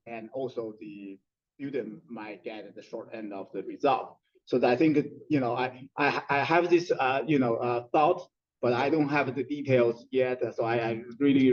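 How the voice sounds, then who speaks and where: A man speaks as a council member at a community meeting, halting often and filling pauses. His voice sits in a middle range and the recording sounds dull and lo-fi. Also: mid-range voice. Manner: halting, many fillers and restarts. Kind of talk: meeting remarks.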